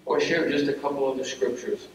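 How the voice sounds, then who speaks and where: A man's voice: mid-range voice, fairly even intonation, fast. A man officiating a funeral, preaching a sermon in an earnest, conversational way with restarts. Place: funeral home chapel. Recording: very echoey hall, heard from a distance, faint room hum.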